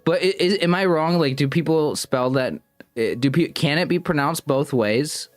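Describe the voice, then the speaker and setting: A man's voice: fairly high pitch, moderate pace, no room sound, soft background music. A young man streaming and chatting casually with his viewers, rambling and self-conscious, often stumbling and restarting his sentences. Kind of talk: casual livestream chat with viewers.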